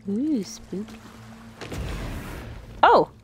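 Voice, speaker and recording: Woman gamer with very lively, swooping pitch. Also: very slow, soft background music. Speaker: player in a co-op video game session. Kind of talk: casual gameplay chat with friends.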